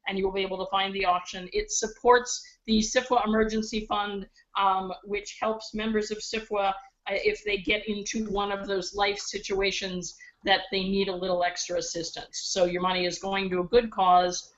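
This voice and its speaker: A woman's voice: medium pitch, level tone, moderate pace. A woman who is a charity auctioneer, chatting casually in a playful, joking way. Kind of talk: casual chat. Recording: dull lo-fi audio.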